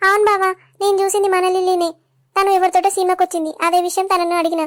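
A woman voices a weepy young wife in a comedy skit, her voice pitched extremely high and kept flat. She whines and pleads quickly in Telangana Telugu. The sound is close and dry. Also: no room sound. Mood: hurt, complaining. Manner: whiny, complaining, pleading. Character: sulky weepy young wife, easily hurt.

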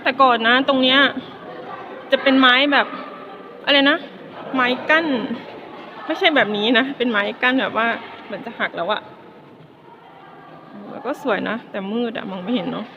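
Woman travel vlogger, chatty, talks warmly to her followers; dull lo-fi phone sound. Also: fairly high pitch, lively intonation, moderate pace, pauses often, background noise. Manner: chatty, addresses viewers fondly, many soft polite particles. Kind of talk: casual travel vlog narration. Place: inside a salt mine, then walking outdoors. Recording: dull lo-fi phone recording, loud crowd.

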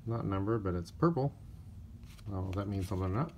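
Tired guy slowly opening card packs, lowish voice, kinda flat listing names, light hiss. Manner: unhurried, reads off player names in a flat list. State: a little tired. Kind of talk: casual pack-opening commentary. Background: crinkling wrappers and card clicks.

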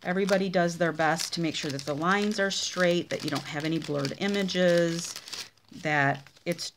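With a lowish voice at normal speed and a noisy background, a craft demonstrator presents handmade cards from card swaps in her vlog. She's casual and chatty, gushing over every card.

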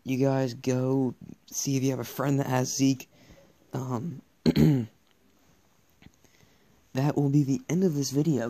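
A man's voice: medium pitch, dark tone. A teenage boy chatting casually over his own football gameplay, rambling and cheering plays on. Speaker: gaming YouTuber.

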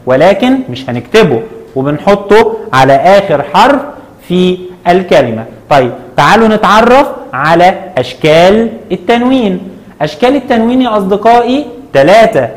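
A man with an Egyptian accent teaching a children's lesson. He patiently asks questions and answers them himself, stretching words out slowly. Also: high voice. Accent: Egyptian Arabic. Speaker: primary school Arabic teacher.

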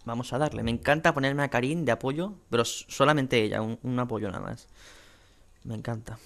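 A man's voice: mid-range voice, a little fast, creaky, a bit bright. A man with a Spain Spanish accent casually commentating his own online fighting game matches, chatty and swearing freely. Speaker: gaming channel host.

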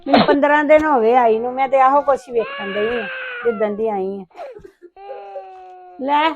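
A woman's voice: sits high, measured pace. A woman playing an older aunt who complains and scolds while minding a crying baby. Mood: fretful. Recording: dull lo-fi sound with crowd noise.

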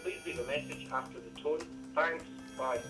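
A man playing a doctor, heard as a brisk, polite greeting played back from an answering machine on a landline phone. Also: fairly high pitch. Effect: answering machine greeting played back over a landline phone. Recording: roomy, distant answering-machine playback with music.

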